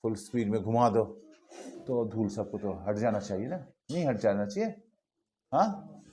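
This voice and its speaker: Low-voiced man teaching a physics class. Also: moderate pace, dark tone, a little hiss or hum. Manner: conversational, repeats words and asks students questions. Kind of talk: classroom lecture.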